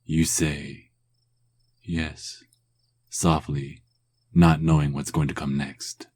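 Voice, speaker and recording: A narrator tells a story in the second person using an extremely deep, husky-edged voice. He speaks calmly and slowly to soothe, and he drops to hushed whispers at the quietest moments.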